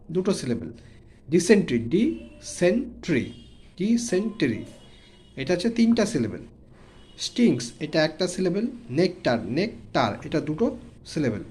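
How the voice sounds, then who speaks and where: Higher-voiced man teaching English words. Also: slightly rough. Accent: Bengali. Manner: explains word by word, repeating terms and translating. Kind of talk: online English lesson for children.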